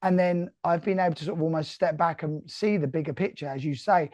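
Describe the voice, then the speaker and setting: A man's voice: on the high side, steady tone, brisk, darkish tone, no echo. A man with a Cockney accent hosting a live online interview, talking in an earnest, reflective way with many restarts. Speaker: host. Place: remote call.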